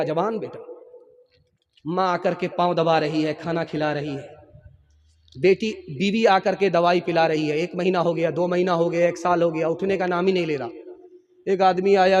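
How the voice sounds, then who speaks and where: A man preaching a sermon with stories, asking the audience questions and moving between soft low asides and loud cries. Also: muffled recording. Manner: engages audience with questions and raised hands. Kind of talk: sermon with storytelling. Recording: long reverb of a large hall.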